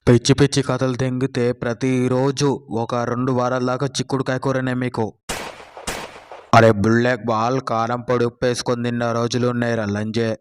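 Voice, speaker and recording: A man's voice: mid-range voice, monotone, brisk, slight background noise, lightly acted. A man playing a bossy, threatening hostel warden. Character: strict middle-aged male hostel warden, bossy. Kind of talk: comedy sketch.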